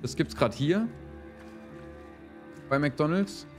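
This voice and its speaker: A man's voice: a little high, animated, slow. A man giving casual gaming commentary as he plays, rambling in slangy, sweary language. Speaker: let's player. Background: game music.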